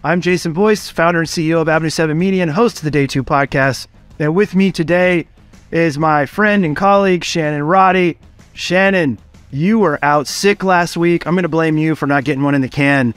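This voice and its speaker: A podcast host talks business in a lively, chatty way, his slightly high voice clear and resonant. He hops quickly from thought to thought with casual fillers, over soft background music. The sound is dry and close, with no echo.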